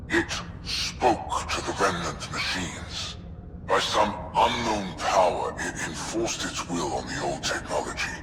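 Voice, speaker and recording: The villain is a very deep-voiced male alien overlord, cold and imperious, who studies captive specimens in a sci-fi video game. Menacing, clinical, grandiose and measured, his dramatic monologue sits over loud music and heavy background noise.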